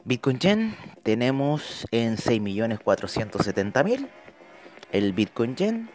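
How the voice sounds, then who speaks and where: A man's voice: medium pitch, very animated, takes it slowly, darkish tone. A man hosting a crypto market show, giving live commentary in a conversational way with rhetorical asides to the viewers. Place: studio with trading screens, indoors.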